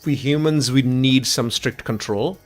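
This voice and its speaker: A man's voice: mid-range voice, unhurried, faint music behind. A man with an Indian accent hosting a call-in livestream, talking enthusiastically in casual chat with frequent restarts.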